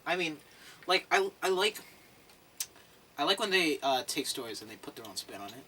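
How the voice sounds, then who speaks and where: A young man chatting casually on a podcast, his voice bright and forceful as he rambles excitably and swears in passing. He sits away from the mic, with a faint hiss underneath. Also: a little high, moderate pace. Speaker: podcast co-host. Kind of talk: casual chat. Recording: voice from a distance with faint background noise.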